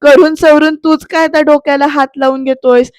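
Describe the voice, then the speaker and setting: Woman doing annoyed young lady telling a guy off, high flat voice. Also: normal speed, no echo, studio quality, close to an everyday voice. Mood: exasperated. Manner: scolding, exasperated.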